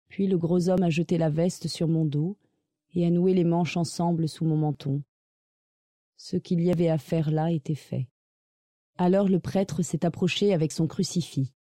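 A man reading a classic novel aloud in measured, sober first-person narration. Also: on the high side, dark tone, dry recording, clean studio sound.

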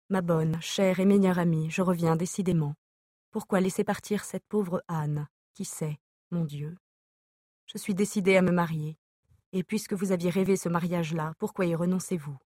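Brief: woman audiobook reader, measured letter reading, lowish voice, dry close sound. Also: mellow, no echo. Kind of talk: reading an epistolary novel aloud.

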